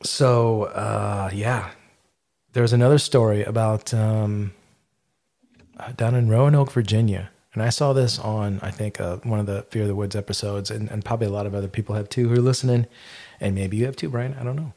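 Podcast guy with a lowish voice, rambling through a creepy campfire story, lots of ums and uhs. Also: steady tone, moderate pace, gravelly, dark tone. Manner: rambling, with frequent fillers and restarts. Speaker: podcast host. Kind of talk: casual chat, retelling eyewitness stories.

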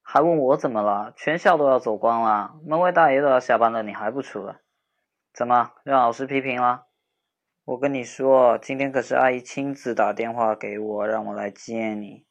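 A man's voice: mid-range voice, normal speed, muffled recording. Young adult male, teasing and snarky childhood friend for a role-play audio drama. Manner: teasing, snarky, then gently soothing.

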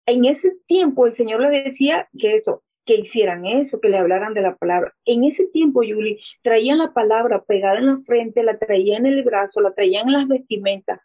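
Earnest woman, warm mellow voice. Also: a little high, animated, moderate pace, hardly any pauses, rough recording. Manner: earnest storyteller, acting out quoted voices.

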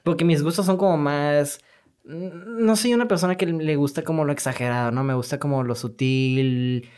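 Someone with a Mexican accent chats casually about films, animated and slangy, packing the talk with sound effects and filler tags. The pitch sits in the middle, the pace is moderate, and the voice is smooth.

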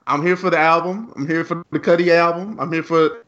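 A man co-hosting a casual podcast chat, blunt and animated, laughing often and swearing freely. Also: on the high side, a little fast, highs cut off. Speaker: podcast co-host.

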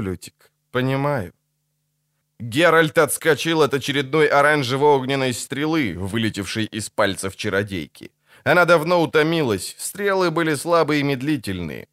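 A man narrating an audiobook in a dramatic, expressive reading style. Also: mid-range voice, normal speed, no echo, studio quality.

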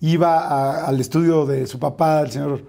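A man's voice: a little high, fairly even intonation, moderate pace, gravelly, mellow. A man interviewing a guest in casual chat, prompting him with short interjections and questions.

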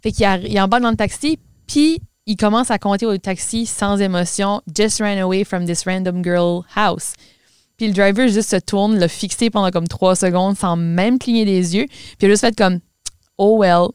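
A woman's voice: medium pitch, moderate pace, a little mellow, smooth, no echo, studio quality. A woman with a Québécois French accent, co-hosting a podcast and telling a story in casual chat, mixing English words into her French. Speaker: podcast co-host.

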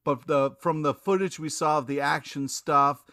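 A man's voice: on the high side, fairly even intonation, normal speed, pushed and bright. A man on a casual panel chat, playfully indignant and mock-pleading. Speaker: podcast panelist.

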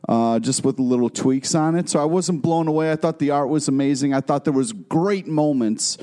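A relaxed man with a dark, mellow voice co-hosts a comic book podcast. He talks candidly with lots of fillers. The room around him gives his voice a noticeable echo. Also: on the high side, normal speed. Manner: laid-back, many fillers, candid. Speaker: podcast co-host. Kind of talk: casual comic book review chat. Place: echoey substitute room instead of usual studio. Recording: echoey room recording.

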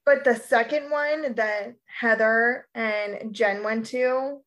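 Woman, podcast co-host, casual chat, sarcastic, high voice. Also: slow pace, lo-fi sound. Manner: sarcastic, animated, swears freely.

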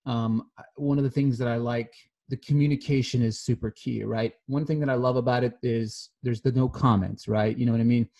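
A man's voice: mid-range voice, fairly even intonation, fairly quick, gravelly, warm tone. A man hosting a podcast, talking in a friendly, rambling way as he interviews a guest. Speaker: podcast host. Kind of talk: casual interview chat.

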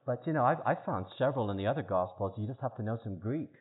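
A man's voice: medium pitch, lively intonation, fast. A man explaining a religious argument in earnest, casual talk, stressing key words and often repeating himself. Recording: tinny phone-like line.

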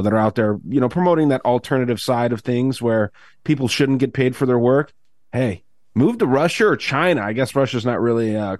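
A man's voice: medium pitch, dry recording, studio quality. A man co-hosting a podcast in casual, crude banter, rambling and swearing with lots of fillers. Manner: profane, rambling, with many fillers. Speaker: podcast co-host.

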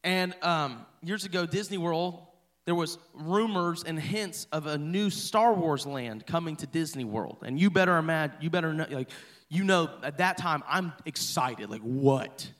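A man's voice: a little high, normal speed, a bit bright. A man in his thirties, a pastor, telling a personal story in a chatty, playful sermon to his congregation. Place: church hall.

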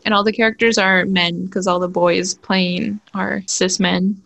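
A woman's voice: mid-range voice, flat delivery, measured pace, gravelly, fairly bright tone. A young woman hosting a podcast in casual chat, talking loosely with lots of fillers and frequent laughter. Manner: chatty, laughs often, many "like" fillers. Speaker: podcast host.

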